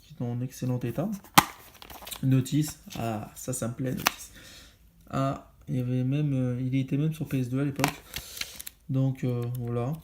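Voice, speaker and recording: A man's voice: medium pitch, fairly even intonation, moderate pace, pauses often, heavy background noise. A man casually reviewing games he bought, talking in a rambling way with many fillers. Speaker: video game collector vlogger.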